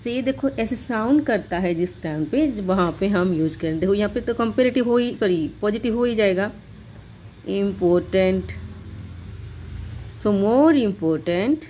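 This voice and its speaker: A woman teaching an English grammar lesson, explaining slowly and deliberately and switching between Hindi and English. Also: medium pitch, lively intonation, mellow, slight background noise.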